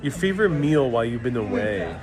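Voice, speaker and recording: Fairly quick and very animated, this man's voice sits in the middle range. He's a travel livestreamer from New York City doing a relaxed live Q&A, reading comments from viewers and joking his way through the answers while a crowd chatters around his phone mic.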